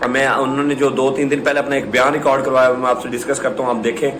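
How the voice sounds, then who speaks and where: A man presenting a news report, introducing a recorded statement in a slow, measured way. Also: medium pitch, little pitch movement. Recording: noisy ambient background.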